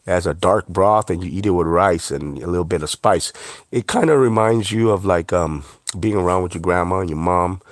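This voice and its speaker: In this interview conversation, a middle-aged man, raised in Cambodia and a native Khmer speaker, talks earnestly about his work as a chef and author, dropping in lots of filler words. He speaks low and a little quickly, captured in a clean, dry studio recording.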